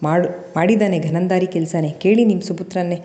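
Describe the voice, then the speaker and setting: A woman's voice: lowish voice, brisk, dark tone, lightly acted. A woman voicing a teasing young man who speaks in a mocking, playful way. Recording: long reverb.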